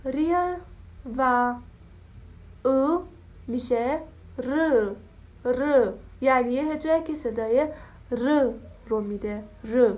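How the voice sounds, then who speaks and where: Woman slowly drilling syllables as a teacher. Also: sits high. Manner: slow, drawn-out syllables repeated for practice. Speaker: language teacher. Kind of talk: step-by-step language lesson.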